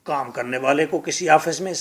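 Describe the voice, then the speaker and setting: A man lecturing on spoken English, drilling words slowly and repeating them, switching often between his own language and English phrases. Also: fairly high pitch, fairly bright tone.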